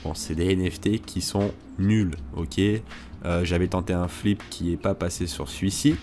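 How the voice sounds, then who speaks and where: A man's voice: low voice, steady tone, normal speed, dark tone, a little hiss or hum. A man hosting a crypto tutorial, talking casually through a screen walkthrough with hesitations and asides.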